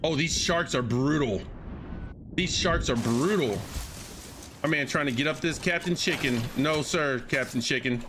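This game streamer, a man in his thirties using a headset mic, talks in a fairly high pitch at a measured pace with background noise behind him. Casual and profane, he repeats his phrases, keeps coughing and says he's losing his voice.

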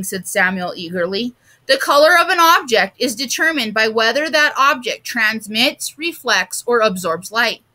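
Bright-voiced woman teacher reading aloud. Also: a little high. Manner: clear, expressive reading. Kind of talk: storybook read-aloud for a class.

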